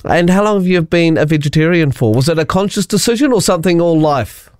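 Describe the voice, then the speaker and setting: A man's voice: fairly high pitch, lively intonation, quick pace, a little mellow, clear, resonant tone, dry recording, clean studio sound. A man hosting a radio wellness show, interviewing a guest in a friendly, chatty way. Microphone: studio microphone.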